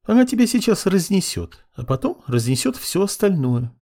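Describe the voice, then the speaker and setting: Man putting on a haughty young demoness, raised lighter voice, lively, a bit husky, audiobook. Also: high voice, normal speed, pitched above the performer's own voice. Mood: scornful. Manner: condescending, mocking. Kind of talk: audiobook character voice.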